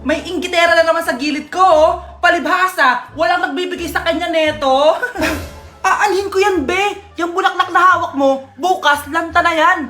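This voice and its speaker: A woman's voice: very high-pitched, moderate pace, sharp tone. A young Filipino woman acting out a comedy skit, switching between a scolding mother and her teenage kids. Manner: playful, shifts between scolding mother and teen voices. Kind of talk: comedic skit playing several roles. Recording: echoey room with music behind.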